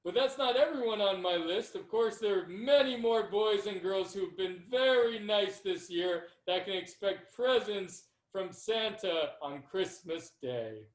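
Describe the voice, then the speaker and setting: A man's voice: sits high, expressive. A man playing jolly, kindly old Santa Claus for a children's storytime, with hearty ho-ho-ho delivery. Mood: cheerful, kindly. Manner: hearty ho-ho-ho laughs, slow and declamatory. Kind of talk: children's Christmas storytime performance. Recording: roomy, echoing room sound.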